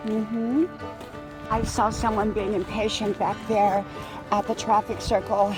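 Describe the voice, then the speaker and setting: A woman's voice: medium pitch, low-quality recording. Chatty woman in her sixties, talking while running. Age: 60s. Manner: gently advising, homespun. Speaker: vlogger with a wisdom channel. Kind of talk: casual vlog monologue while out on a run. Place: outdoors on a trail and roadside.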